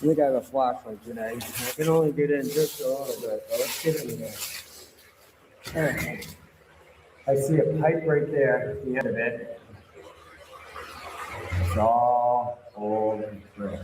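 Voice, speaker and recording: A man out of breath, excitedly narrating as he walks outdoors by a river canal, filming on a handheld camera. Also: medium pitch, unhurried, pauses often. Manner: excited, amazed commentary. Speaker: vlogger exploring ruins. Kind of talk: outdoor walking vlog. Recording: noisy outdoor ambience.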